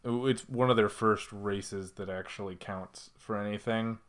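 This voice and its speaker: Wry, low-voiced male podcast co-host. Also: steady tone, unhurried, a bit bright. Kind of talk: casual anime review chat.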